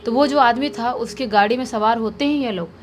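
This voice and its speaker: A woman retelling a spooky story in a conversational, animated way, as narrator of a horror story channel. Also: fairly high pitch, brisk, slight background noise. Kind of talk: casual spoken horror storytelling.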